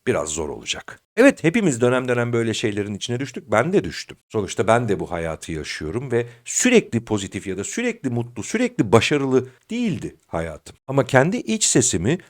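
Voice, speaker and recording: Animated male motivational coach. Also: mid-range voice, a little fast, few pauses. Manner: animated, addresses the listener directly as a friend. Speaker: self-confidence coach. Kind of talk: motivational talk to camera.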